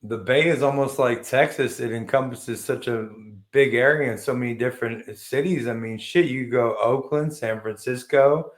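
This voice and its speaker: A man's voice: mid-range voice, moderate pace, few pauses, roomy sound. A man hosting a casual chat, joking crudely and swearing a lot. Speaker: podcast host.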